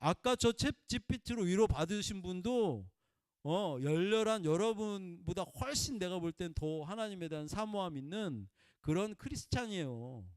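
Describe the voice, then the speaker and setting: Man, preacher, high-pitched, conversational sermon, jumps from loud bursts to soft murmurs, dry sound. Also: lively intonation, moderate pace, no room sound. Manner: folksy, peppers talk with prompting "eh?" to the congregation; swings between loud emphatic bursts and quiet murmurs.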